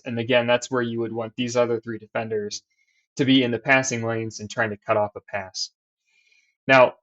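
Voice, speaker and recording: A man, a basketball coach, explaining defense in a voice-over over diagrams and game clips, with restarts as he points things out. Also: medium pitch. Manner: explanatory, restarts and fillers while drawing on screen. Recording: slightly dull lo-fi sound.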